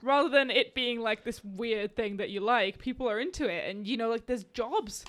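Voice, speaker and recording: A woman in her twenties from Slovakia chatting casually, animated and excitable, laughing often. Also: a little high, moderate pace. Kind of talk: casual chat.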